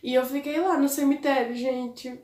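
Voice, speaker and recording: A young woman tells a personal story in a soft, grieving tone, her voice fairly high. She sounds a little far from the microphone, in a room with a clear echo. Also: steady tone, moderate pace. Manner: soft, sorrowful, often addresses viewers as "gente". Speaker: vlogger. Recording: echoey room, voice a bit far from the mic.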